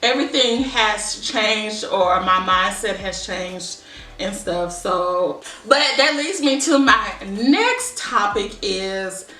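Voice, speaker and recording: A young woman talks casually to her viewers in a bright, forward voice. She rambles and thinks aloud in a conversational way. The sound is echoey, picked up at some distance from the mic in a room. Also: medium pitch, lively intonation, slow. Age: young adult. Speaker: vlogger. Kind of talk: casual chit-chat monologue.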